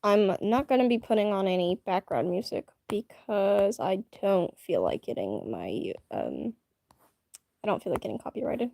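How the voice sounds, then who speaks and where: A woman's voice: mid-range voice, sing-song, normal speed, creaky, mellow, no echo, clean studio sound. A young woman chatting casually with her live-stream viewers, rambling with lots of fillers and restarts.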